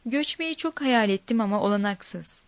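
A woman's voice: fairly high pitch, lively intonation, moderate pace, no room sound. A woman reading as an emotional, blustering man. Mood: earnest. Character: distraught middle-aged man, emotional and blustering.

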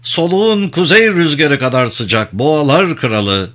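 A man voicing a calm, thin old man who soothes a raging bull with caressing flattery, in a storybook reading. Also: fairly high pitch, a little slow, voice pushed up. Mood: soothing. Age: older.

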